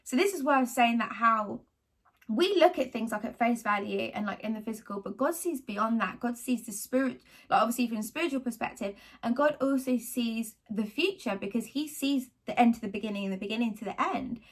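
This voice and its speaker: A woman in her thirties speaks with a slightly high voice, chatting to camera about faith. She rambles and circles back, fills gaps with little "da, da, da" sounds, and stays animated throughout. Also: fairly quick. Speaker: vlogger sharing faith testimony. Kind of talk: casual talk to camera.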